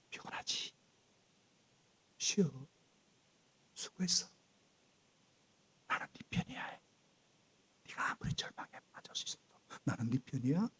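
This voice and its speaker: A man voicing God as a gentle, tender, patient comforter in a soft hushed whisper. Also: sits high, breathy edge, pitched above the performer's own voice, full character voice.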